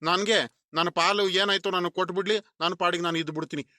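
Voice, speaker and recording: A resentful middle-aged villager from a cartoon, voiced by a man, who grumbles and repeats himself. His voice sits high and bright, recorded close and dry. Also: fairly even intonation, fairly quick, no echo. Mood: grumbling. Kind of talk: animated cartoon voice acting.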